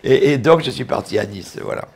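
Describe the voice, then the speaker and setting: A man in his eighties with a southern French accent from Montauban, reminiscing in an interview, often halting and repeating words as he recalls. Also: medium pitch, animated, creaky, darkish tone. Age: 80s. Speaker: interviewee, retired dancer.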